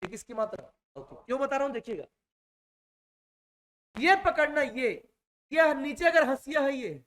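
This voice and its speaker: A man's voice: extremely high pitch, animated, moderate pace, long pauses, fairly bright tone. A man teaching a Hindi exam-prep class in a classroom. He repeats each point and keeps checking that his students follow. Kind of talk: classroom lecture.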